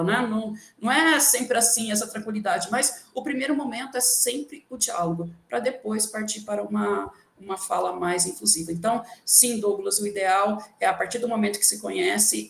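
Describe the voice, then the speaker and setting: Creaky Brazilian woman explaining patiently. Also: mid-range voice. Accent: Brazilian Portuguese. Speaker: workshop speaker, teacher. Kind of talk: online workshop talk. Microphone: video call. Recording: echoey room.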